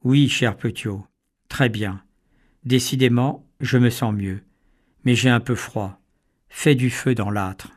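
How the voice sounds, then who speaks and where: Storybook role: man doing a poor, sick peasant mother, soft and tender, mid-pitched. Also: takes it slowly, pauses often. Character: poor, ailing peasant mother, gentle and pious.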